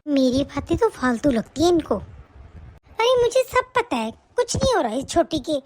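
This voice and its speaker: A woman's voice: sits high, sing-song, normal speed, a little mellow. A woman voicing a lazy, quarrelsome elder daughter-in-law in a cartoon story, whiny and always complaining. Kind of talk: cartoon voice acting.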